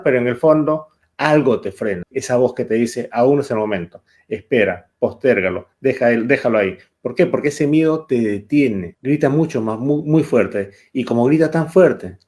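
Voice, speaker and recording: A man's voice: on the high side, mellow. Male coach for a live motivational session, emphatic, leans on repetition. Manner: emphatic, repeats words for effect. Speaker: neuro-coach co-host.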